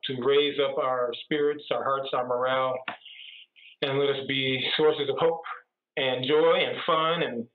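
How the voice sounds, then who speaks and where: Priest telling jokes over a tinny line. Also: male voice, medium pitch. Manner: chatty storyteller. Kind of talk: telling jokes on a video call. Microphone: computer mic on a video call. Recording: tinny echoey video-call audio.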